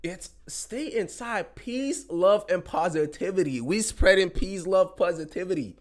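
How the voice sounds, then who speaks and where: A man's voice: high voice, lively intonation, takes it slowly. An American man hosting a reaction video, reacting in casual, slangy, exclaiming commentary. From United States.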